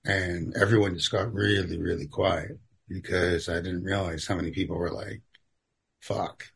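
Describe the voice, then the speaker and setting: A man's voice: sits low, steady tone, moderate pace, vocal fry, fairly bright tone, slight background noise. A man hosting a podcast in a laid-back, casual way, with plenty of filler words. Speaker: podcast host.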